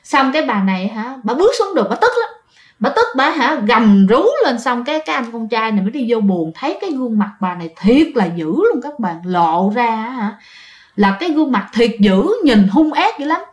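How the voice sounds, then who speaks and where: A woman with a Southern Vietnamese accent narrates a ghost story aloud in a chatty manner, often addressing her listeners directly. Her voice is fairly high, very animated and fast.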